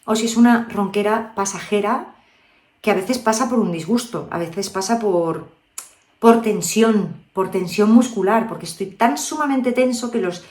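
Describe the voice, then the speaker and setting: A woman's voice: mid-range voice, normal speed, darkish tone. A woman from Spain, a vocal coach, giving a chatty video lesson and often checking in with her viewers. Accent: Spain Spanish. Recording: echoey room.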